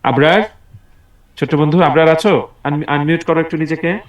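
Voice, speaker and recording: A man's voice: on the high side, fairly even intonation, moderate pace, lo-fi sound. A man teaching an online English class over a video call, patient and encouraging as he drills words aloud. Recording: roomy, distant video call audio.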